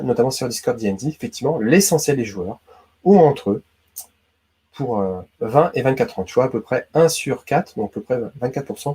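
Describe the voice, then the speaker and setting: Husky and darkish, his medium-pitched voice carries a casual quiz video he hosts on YouTube. He comes from Brittany, France, chats away straight at the viewer, and leans heavily on "hein" and "d'accord".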